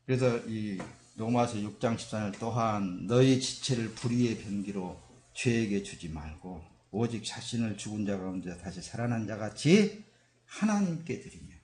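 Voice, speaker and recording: A man's voice: lowish voice, a little mellow. A man preaching a sermon as pastor, emphatic and dramatic, acting out quoted voices. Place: church sanctuary. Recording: echoey church hall.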